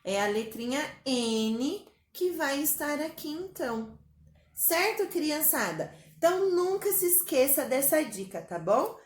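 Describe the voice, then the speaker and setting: A woman teaching a spelling lesson to young children in a slow, sing-song way, with a Brazilian Portuguese accent. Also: sits high, very animated. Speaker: primary school teacher. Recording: echoey room.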